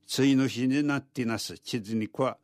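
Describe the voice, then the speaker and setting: A man's voice: mid-range voice, moderate pace, a little mellow, no room sound, studio quality. A man narrating a folktale orally in a thick rural Tohoku Japanese dialect, with homespun, repeated dialect sentence endings. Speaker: folktale storyteller.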